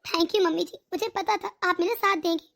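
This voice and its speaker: Woman voicing a touchy young wife, very high voice. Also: steady tone, normal speed, creaky, a bit bright, exaggerated voice. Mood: earnest. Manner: indignant, complaining. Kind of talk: cartoon voice acting.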